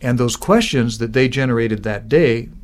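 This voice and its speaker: A man's voice: mid-range voice, normal speed, a little mellow. A man who is a business speaking coach and co-founder, telling an anecdote with enthusiasm in a conversational way. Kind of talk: animated conversational storytelling.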